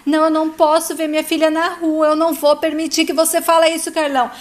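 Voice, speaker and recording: A tearful middle-aged mother pleads and insists with strong emotion, as a woman retelling a soap opera puts her on. Her voice is high and pressing. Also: level tone, quick pace, lightly acted. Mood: insistent.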